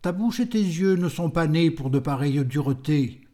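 A man's voice: on the high side, expressive, moderate pace, warm tone, close to an everyday voice. A man voicing a solitary prophet in an audiobook, speaking solemnly and declaiming his words. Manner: solemn, declamatory, rising to anger. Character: solitary male prophet, stern yet kindly.

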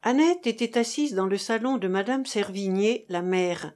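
A woman narrating a chapter of a novel as an audiobook, with a measured, dramatic reading. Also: mid-range voice, darkish tone. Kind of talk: scripted narration.

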